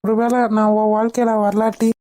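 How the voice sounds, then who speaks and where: A woman voicing a tender, grateful young husband in a cartoon, soft and heartfelt, gently teasing. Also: fairly high pitch, level tone, brisk, close to an everyday voice. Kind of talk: cartoon voice acting.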